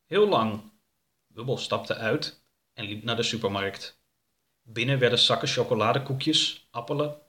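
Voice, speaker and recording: A man reading a children's story aloud in a calm, even storytelling manner. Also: mid-range voice. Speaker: narrator. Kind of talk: storybook narration.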